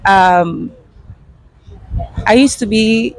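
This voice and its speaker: Woman from Guatemala, hesitant, halting answers, outdoor street interview. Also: medium pitch, creaky, no room sound, low-quality recording. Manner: hesitant, halting, many fillers. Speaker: interview guest. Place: outdoors in front of a restaurant.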